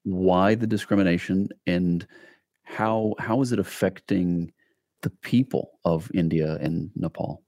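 A man hosting an interview podcast, asking measured, probing questions. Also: deep voice, warm tone, dry recording, clean studio sound. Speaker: podcast host.

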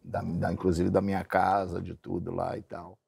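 A middle-aged man telling rambling, low-key anecdotes in a casual group chat. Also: completely flat delivery, moderate pace, creaky, a crowd in the background. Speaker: guest.

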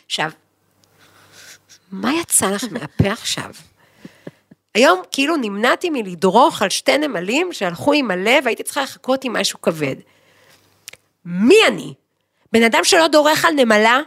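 A woman co-hosting a podcast, talking frankly in casual chat, mocking herself and launching into animated rants. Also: fairly high pitch, creaky, long pauses, no room sound, studio quality. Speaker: podcast co-host. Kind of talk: candid conversational podcast chat.

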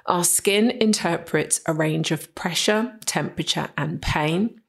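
A woman's voice: on the low side, measured pace, gravelly, breathy edge. A woman hosting a solo podcast, explaining ideas with enthusiastic emphasis and rhetorical questions. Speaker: podcast host.

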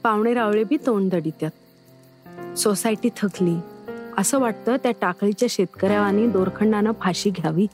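A woman's voice: medium pitch, normal speed, a little mellow, soft background music, close to an everyday voice. A woman doing a desperate indebted farmer man. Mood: anxious. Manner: anxious, begging. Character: desperate indebted male farmer, weary and anxious.

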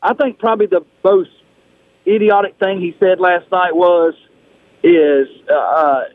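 A man's voice: high voice, steady tone, measured pace, dry recording. A male radio caller heard over the phone, talking politely and stumbling over repeated words when he criticizes. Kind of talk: call-in talk radio comment. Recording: tinny phone line with faint noise.

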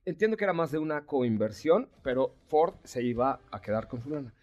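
A man's voice: mid-range voice, big pitch swings, a little fast, a little mellow, highs cut off. A man with a Mexican Spanish accent hosting a car talk show in a chatty, joking, storytelling manner. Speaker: host. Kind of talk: casual radio show chat.

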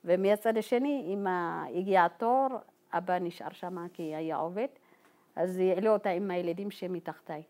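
Woman from Ethiopia, personal testimony, halting and informal, slightly low-pitched. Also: warm tone. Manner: halting and informal, many fillers, acts out remembered dialogue. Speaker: guest telling her life story. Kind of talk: personal testimony told to a group.

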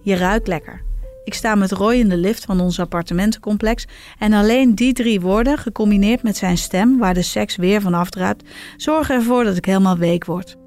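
A woman's voice: mid-range voice, moderate pace, darkish tone, faint music behind. A woman reading a serialized first-person diary story in an intimate, confiding way. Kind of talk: scripted first-person narration.

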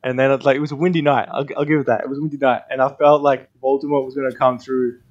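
A man's voice: medium pitch, little pitch movement, fast talker, dull audio. A man co-hosting a radio show, telling a story in casual chat with lots of "like" fillers. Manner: rambling, many "like" fillers.

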